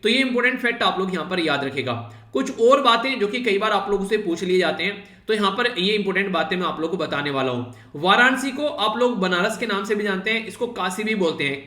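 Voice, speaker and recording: A man with a fairly high, bright voice teaches a current affairs lesson for exam students. He talks conversationally, leaning on the same filler words again and again and speaking straight to his students. The room around him is noticeably echoey. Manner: conversational, repeats "ठीक है" and "basically" often; addresses students directly, gives homework.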